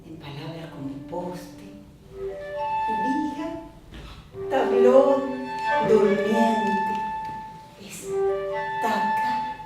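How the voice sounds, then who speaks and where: Una actriz da vida a una esposa argentina de mediana edad, recatada y devota, que habla con una entonación muy viva y sube y baja la voz para remarcar. La voz llega desde lejos en un teatro con mucho eco. Se oye música de fondo. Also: female voice, recorded from a distance. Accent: Argentine Spanish. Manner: expressive, mimics sounds and shifts pitch for emphasis. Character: Olga, a prim middle-aged wife devoted to her husband. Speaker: stage actress in a one-woman play. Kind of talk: theatrical monologue. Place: theatre stage.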